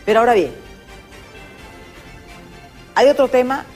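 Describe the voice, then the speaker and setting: A woman's voice: a little high, lively intonation, a little slow, a little mellow, soft background music. An older Honduran woman hosting a political talk show, speaking emphatically and giving firm opinions. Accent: Honduran Spanish. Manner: emphatic, opinionated, addresses viewers directly. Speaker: host.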